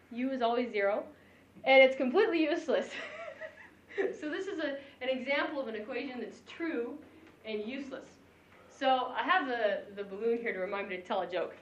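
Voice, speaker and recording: Woman physics lecturer, brighter-pitched, playful classroom delivery, roomy lo-fi recording. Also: normal speed, slight background noise. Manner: animated, joking, chuckles between points. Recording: echoey, dull lo-fi room recording.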